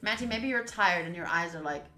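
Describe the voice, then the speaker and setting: A woman with a lowish, sharp-toned voice reads a visual novel aloud on stream, speaking a little fast and expressively while tossing casual asides to viewers. The room echoes, and faint game music plays in the background.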